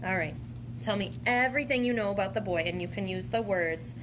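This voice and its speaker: A woman teacher speaks fairly quickly in a mid-range voice as she demonstrates an interactive read-aloud for a child. Her tone is encouraging and questioning, and clear background noise runs through the recording.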